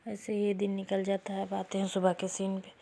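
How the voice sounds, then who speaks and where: A woman narrates a romance story in a relaxed, chatty way, as if talking to friends. Her voice stays fairly level with little rise and fall, and her tone is mellow and dark rather than bright. She reads the characters' lines without putting on voices. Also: medium pitch, moderate pace, creaky. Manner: chatty, retells dialogue plainly without doing voices. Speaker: storyteller and channel host. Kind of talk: casual spoken storytelling.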